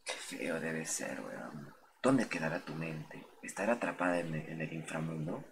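Very low-voiced young man rambling. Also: animated, normal speed, creaky, background noise. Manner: rambling, slangy and profane, addressing chat as "gente". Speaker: streamer. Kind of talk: casual storytelling on a late-night game stream.

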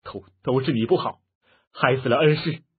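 A man voicing a fierce middle-aged woman martial artist who scolds harshly and loudly. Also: mid-range voice, normal speed, breathy edge. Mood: angry. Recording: muffled phone-like lo-fi audio.

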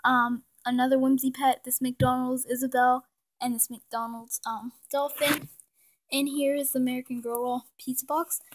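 Recorded on a handheld phone amid noisy surroundings, a woman with a high-pitched, level voice narrates a casual show-and-tell of her doll house at home at a moderate pace. She's chatty, leans on "like" a lot, and now and then sinks into soft whispers.

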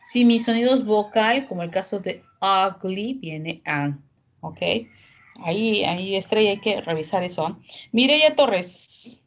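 A woman's voice: medium pitch, lively intonation. Patient woman teacher on a video call. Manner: patient, explains slowly, mixes Spanish and English. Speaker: English teacher. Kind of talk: online class, calling on students.

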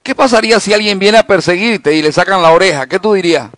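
A man's voice: high-pitched, fast talker, fairly bright tone, dry recording. A man pastor giving a Bible study sermon in a conversational way, telling anecdotes and asking rhetorical questions.

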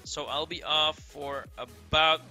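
Seen on webcam indoors, a young man from Greece chats loosely during a game livestream, reading viewer comments in a Greek accent. His voice is slightly high and sharp, his pace slow, and his talk rambles with lots of fillers and a habit of saying "crazy." Music plays softly behind.

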